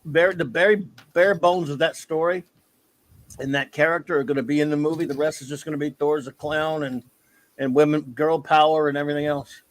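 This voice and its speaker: Man, somewhat high voice, blunt, grumbling, opinionated. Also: steady tone, a little fast, no echo. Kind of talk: casual chat.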